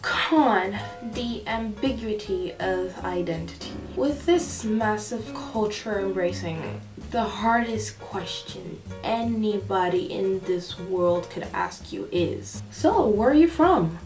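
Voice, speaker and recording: A young woman talking to camera in a personal vlog, playful and sarcastic with animated asides. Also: mid-range voice, slow pace. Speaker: vlogger. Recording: echoey room, mic at a distance. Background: faint jazz music.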